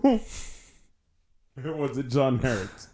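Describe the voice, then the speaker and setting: A young man with a mellow, soft-edged voice co-hosts a laid-back podcast. He banters playfully and giggles easily. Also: medium pitch, big pitch swings, slow. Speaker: podcast co-host. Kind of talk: casual news chat.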